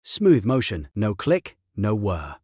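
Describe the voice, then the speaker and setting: A man narrating a story in short, clipped, terse sentences with a husky voice. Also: on the low side, very animated, slow pace, warm tone, no room sound, studio quality.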